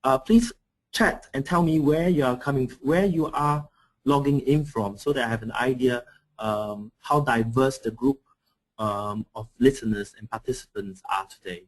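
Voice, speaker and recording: A man from Singapore presents a coaching webinar at a mid-range pitch, speaking through a computer mic on an online call. He talks hesitantly, with frequent fillers and restarts, as he searches for his words. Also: normal speed. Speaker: coaching trainer.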